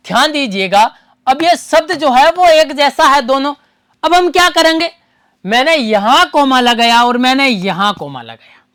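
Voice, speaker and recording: A woman's voice: high-pitched, a bit bright, no room sound, studio quality. A woman teaching an exam-prep grammar lesson. She asks the class questions, answers them herself, and repeats key terms for her students.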